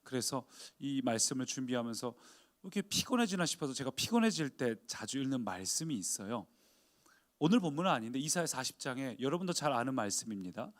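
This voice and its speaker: A man's voice: medium pitch, big pitch swings, a little fast. A male pastor preaching a sermon in a conversational way, often putting questions to the congregation.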